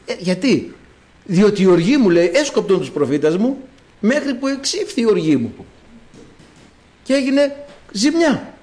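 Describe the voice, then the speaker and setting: A man's voice: sits high, big pitch swings, pauses often, darkish tone. A man preaching a sermon, explaining words to the congregation and calling out quoted lines in a raised voice.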